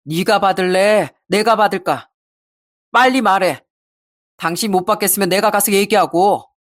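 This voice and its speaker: A woman's voice: mid-range voice, normal speed, natural voice. A woman voicing a petty, defensive middle-aged husband who talks back sulkily and dismissively. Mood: impatient. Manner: sulky and defiant, dismissive.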